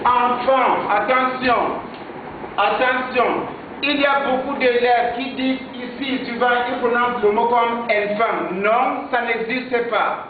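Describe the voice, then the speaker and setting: A male teacher giving a French lesson, slowly repeating words for dictation and stressing correct pronunciation. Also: very high voice, steady tone, noisy background. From Nigeria. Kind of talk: classroom language lesson. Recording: echoey, distant, phone-like lo-fi sound.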